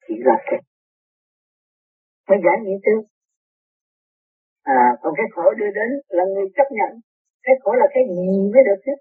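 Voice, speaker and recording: Gravelly, raspy man preaching, tinny recording. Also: high-pitched, dry recording. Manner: emphatic, repetitive exhortation. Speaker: spiritual teacher. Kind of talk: sermon. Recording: tinny, dry, phone-like lo-fi recording.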